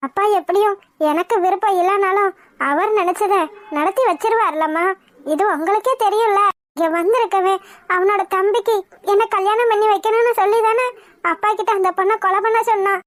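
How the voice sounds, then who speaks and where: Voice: very high voice, brisk, fairly bright tone, no echo. A performer voicing a grieving, devout young woman in a cartoon drama, pleading with god in anguish. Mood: sorrowful.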